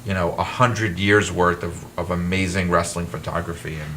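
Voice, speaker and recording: His voice sits low and moves at a moderate pace, with slight background noise. The author and wrestling historian chats animatedly in a casual talk-show interview, spinning self-deprecating stories full of restarts.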